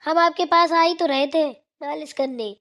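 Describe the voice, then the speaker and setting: A woman's voice: high-pitched, a little slow, fairly bright tone. A woman voicing a dutiful elder daughter-in-law from a village who earnestly explains her chores in a cartoon. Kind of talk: cartoon voice acting.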